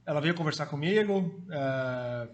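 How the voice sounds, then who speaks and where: A man's voice: a little high, expressive, a little slow, muffled recording. A man in his forties from Brazil, a former marathon runner telling his story as a guest in a friendly, casual way, with fillers. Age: 40s.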